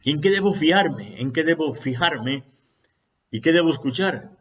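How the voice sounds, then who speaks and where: A man's voice: medium pitch, very animated, a little fast, muffled recording, close to an everyday voice. A man voicing a distressed young male disciple who asks a spiritual master questions in a pleading, exasperated tone. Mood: anxious, exasperated. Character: anxious young male disciple, impatient seeker.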